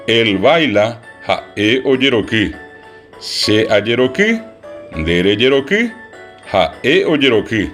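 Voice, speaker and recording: A man leads a language lesson for children, sounding out each word with great care. His pace is very slow and his pitch rises and falls with lively emphasis, while soft music plays faintly in the background. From Paraguay. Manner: slow, deliberate, repeats each word clearly. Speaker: language teacher.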